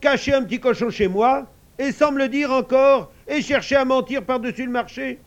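A man's voice: very high voice, normal speed, highs cut off, pitched above the performer's own voice. A man doing an exasperated scolding father. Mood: angry. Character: hot-tempered father running a bar, man.

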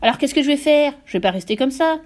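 A woman reading an audiobook aloud and voicing a loud, vain, dim-witted father who bellows and blusters. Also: fairly high pitch, fast talker, lightly acted. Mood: panicked.

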